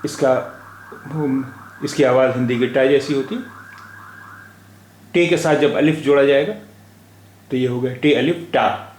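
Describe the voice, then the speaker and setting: Man, Indian Hindi-Urdu accent, language teacher, very slow, repeats sounds patiently, roomy echo. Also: mid-range voice, darkish tone, a little hiss or hum. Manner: patient, repeats each letter and word aloud. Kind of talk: slow spoken lesson. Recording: echoey room recording.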